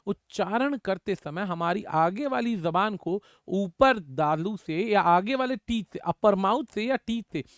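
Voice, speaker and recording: A man's voice: high voice, expressive, unhurried, few pauses, dry recording, clean studio sound. A man teaching an exam-prep grammar lesson, drilling word forms and speaking to students as children. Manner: addresses students as "बच्चा", repeats words for drilling.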